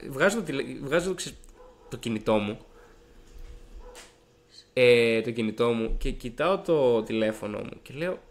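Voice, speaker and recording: A young man with a hoarse, gravelly voice, co-hosting a podcast and telling a rambling story with lots of restarts. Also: mid-range voice. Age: young adult. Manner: animated, rambling, frequent restarts and acted-out quotes. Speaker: podcast co-host. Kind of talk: casual storytelling chat.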